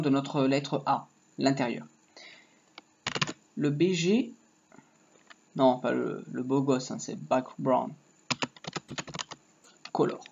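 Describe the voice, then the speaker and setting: A man's voice: mid-range voice, gravelly, a little mellow. Male tutor, casual and rambling, drawling through a coding lesson, muffled home mic with keys clacking. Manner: rambling, joking asides, talks while typing. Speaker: HTML tutorial teacher. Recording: dull lo-fi mic with faint noise. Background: keyboard typing.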